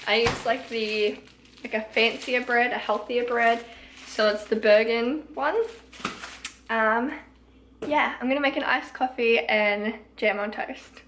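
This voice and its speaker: A woman's voice: a little high, fairly even intonation, a little slow, a bit bright, a little hiss or hum, low-quality recording. A young woman with a New Zealand accent, chatting casually to her camera in her home kitchen, upbeat and rambling with lots of "like". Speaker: fitness vlogger. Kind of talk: casual vlog chat.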